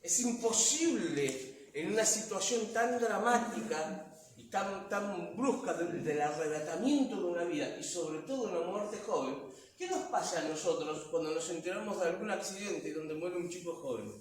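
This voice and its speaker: A man preaching a sermon as pastor, with impassioned swings from soft to loud. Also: sits high, animated, moderate pace, slight background noise. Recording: echoey hall, voice from far off.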